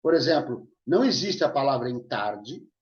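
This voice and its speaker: A man's voice: medium pitch, big pitch swings, moderate pace. Man teaching grammar, echoey. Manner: explanatory, checks in with listeners often. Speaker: Portuguese teacher. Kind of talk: online grammar lesson. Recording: echoey room, dull lo-fi sound.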